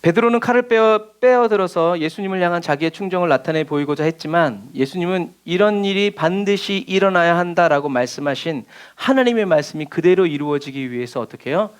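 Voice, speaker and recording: A man's voice: a little high, animated, quick pace, few pauses, smooth. A male pastor preaching a midweek sermon, asking the congregation rhetorical questions and acting out the lines he quotes. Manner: asks rhetorical questions and answers them, acts out quoted lines.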